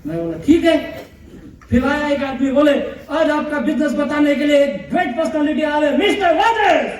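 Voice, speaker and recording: A man's voice: very high-pitched, moderate pace. A man telling a comic story to a live audience as a motivational speaker, acting out the dialogue in it. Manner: animated, comic, acts out dialogue. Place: large hall with audience. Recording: echoey hall, distant mic, crowd noise.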